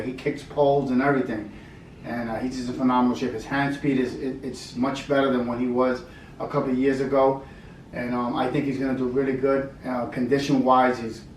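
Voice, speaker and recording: A man's voice: medium pitch, recorded from a distance. A middle-aged man, a fight trainer and former fighter, giving casual answers in an interview. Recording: echoey room, off-mic, faint background noise.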